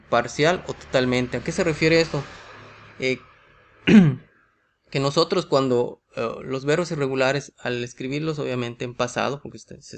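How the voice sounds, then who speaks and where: Male teacher with a Mexican Spanish accent, mid-pitched and gravelly, walks through rules with constant "¿sí?" check-ins. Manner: asks rhetorical questions, often adds a tag "¿sí?". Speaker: English teacher. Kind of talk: explaining grammar in a video lesson.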